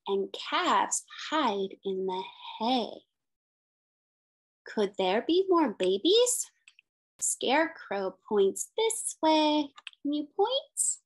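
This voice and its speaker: In a very slow, high-pitched, sing-song voice, a special education teacher in her thirties reads a picture book aloud. She keeps her phrasing simple and puts questions to the young children listening.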